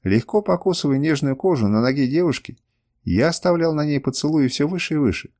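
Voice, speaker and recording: A man narrating a first-person audiobook in a measured, expressive reading. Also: on the high side.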